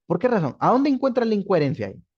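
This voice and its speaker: A man teaching a beginner English class, explaining patiently and repeating examples slowly. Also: sits high, sing-song, darkish tone. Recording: dull lo-fi sound.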